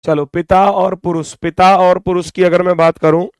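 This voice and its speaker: In this exam-prep class lecture, a Hindi-accented man with a somewhat high, slightly mellow voice teaches reasoning at normal speed with little pitch movement. Coaxing and chatty, he repeats each point and addresses students as bhai and beta. The recording is clean, close, and dry, with no room sound.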